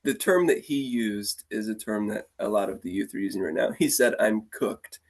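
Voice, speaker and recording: A man who teaches martial arts, chatting casually and telling animated stories, often acting out what his students say. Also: lowish voice, normal speed. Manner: animated, acts out the kids' voices. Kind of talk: casual storytelling conversation.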